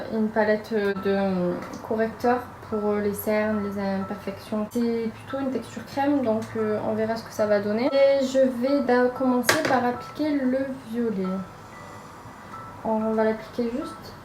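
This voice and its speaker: A young Frenchwoman, a makeup vlogger, narrates a casual tutorial at home, chatty but hesitant and full of fillers. Her fairly high voice is steady and a little slow, recorded in a room with echo, background noise and music behind.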